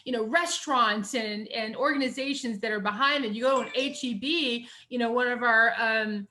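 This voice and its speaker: A middle-aged woman, teaching a recorded lecture on essay writing. Her voice sits a bit high and sounds bright and forceful. She talks in a chatty way, with many fillers and "you know"s. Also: normal speed.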